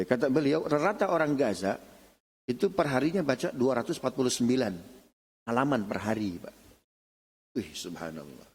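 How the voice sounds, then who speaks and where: A man's voice: on the high side, husky. Middle-aged man lecturing in a reverberant mosque. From Indonesia. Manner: animated storytelling, often addressing listeners as "Pak". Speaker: lecturer at a mosque study session. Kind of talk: casual religious lecture. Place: mosque hall. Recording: long reverb of a mosque hall.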